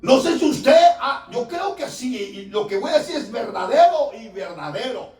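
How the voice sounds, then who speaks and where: Male pastor, high-pitched and emphatic, drawn-out delivery, recorded from a distance in a reverberant church. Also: big pitch swings, a little mellow. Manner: emphatic preaching with drawn-out words and direct questions to the congregation. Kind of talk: sermon. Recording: echoey church hall, voice from a distance.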